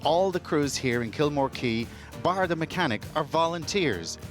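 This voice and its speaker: A man's voice: fairly high pitch, animated, moderate pace. A man reading scripted narration as a television reporter. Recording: voice-over with clear music bed.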